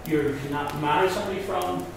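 Heard distantly in an echoey hall over background noise, a Freemason guide from Belfast, Northern Ireland, talks visitors through things casually and bluntly. His voice is a little high, a little fast, and creaky.

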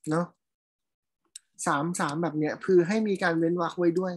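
A woman teacher walks a student through programming in a live lesson, talking casually and thinking aloud as she works. Her voice is a little low and husky. She checks often that her student is keeping up. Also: steady tone, moderate pace, darkish tone. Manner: chatty, thinks aloud while demonstrating code; speaks to a student by name, checks understanding.

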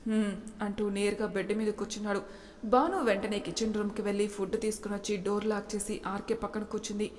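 A woman narrating a romance story in a steady reading voice. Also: medium pitch, fast, a little hiss or hum. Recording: echoey room with long reverb.

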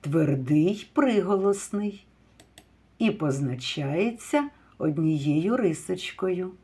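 A kindergarten teacher leads a phonics lesson for young children, sounding out words slowly and asking questions. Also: female voice, fairly low pitch, expressive, warm tone, breathy edge. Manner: slow, drawn-out word sounding with praise and questions.

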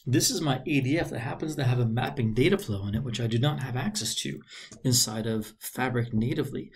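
Husky man walking through software. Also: medium pitch. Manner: upbeat, informal explainer with occasional fillers. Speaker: product demo presenter. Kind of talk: software screencast walkthrough. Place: voice-over on screen recording.

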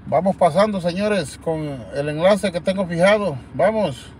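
A man's voice: sits high, normal speed, slight background noise. A man hosting a live stream in blunt, scornful and crude casual talk. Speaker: livestream host.

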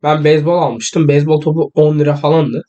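Teen boy vlogger, playful and rambling, slightly high for his age. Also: steady tone, normal speed, mellow, highs cut off. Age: teens. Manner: joking, teasing, rambling. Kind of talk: casual chat to camera.

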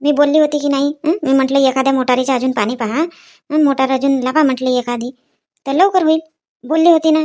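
A woman's voice: sits high, fairly even intonation, fairly quick, a little mellow. A woman playing a village wife in a comic sketch, teasing and scolding her husband.

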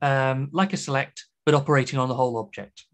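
A man's voice: mid-range voice, fast. Chatty British man giving a tech talk. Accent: British English. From Britain. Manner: chatty, enthusiastic, self-deprecating asides. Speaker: conference speaker. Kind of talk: technical conference talk.

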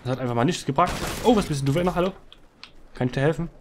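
A man giving excitable live commentary over his own gameplay into a headset microphone, calling out wins and losses. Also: fairly high pitch, rapid-fire, slight background noise. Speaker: gaming commentator.

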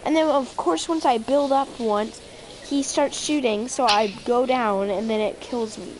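A high-pitched woman gamer talks over a headset in casual voice chat. She is profane and exasperated, snapping at friends and grumbling about the match. A faint hiss sits under her voice. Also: unhurried. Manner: profane, exasperated trash talk. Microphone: gaming headset.

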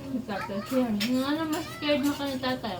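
A woman's voice: high voice, normal speed. A woman chatting casually at home, prompting a child with easy questions. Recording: noisy home recording.

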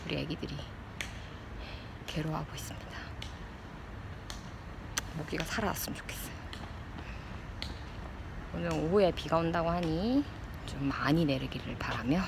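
A deep-voiced woman in her thirties records a casual, reflective vlog on a phone at arm's length out in an open park full of trees. She stops and starts, groping for words, and the outdoor park ambience comes through clearly.

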